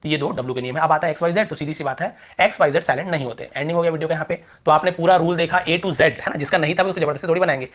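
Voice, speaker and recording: Fast-talking man teaching English spelling. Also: fairly high pitch. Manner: rapid, repetitive, drawing out example words. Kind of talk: classroom lesson explaining spelling rules.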